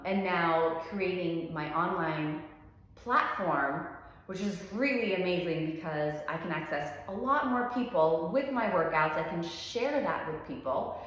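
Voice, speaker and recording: A French-born pilates instructor in her thirties gives a relaxed personal introduction, chatting about herself easily with lots of ums and open enthusiasm. Her voice is on the low side and a bit bright. The room is very echoey, with long reverb.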